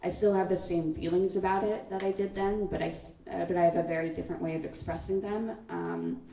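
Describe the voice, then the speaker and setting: Speaking fairly quickly in a steady, mellow, fairly low voice, a teenage girl answers thoughtfully on a student writers' panel, her words dotted with "um" and "like." The school event hall is echoey, and she's far from the mic.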